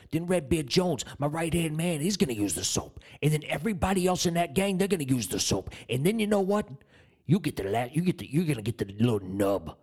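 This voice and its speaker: A man's voice: mid-range voice, darkish tone, slightly rough. A man co-hosting a podcast, doing an improvised comedy bit with rambling, mock-menacing tough-guy talk. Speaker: podcast co-host.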